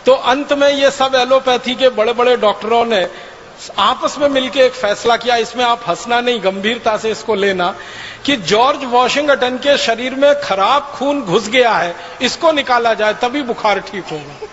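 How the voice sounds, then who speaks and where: High-voiced man lecturing in a hall. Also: normal speed, a bit bright. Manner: emphatic, repetitive storytelling. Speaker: speaker lecturing an audience. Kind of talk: public lecture. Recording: dull, lo-fi hall recording with faint noise.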